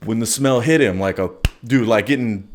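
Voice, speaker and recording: A man's voice: mid-range voice, moderate pace, a little hiss or hum. A man telling a story in a casual monologue, crude and profane, rambling with lots of fillers.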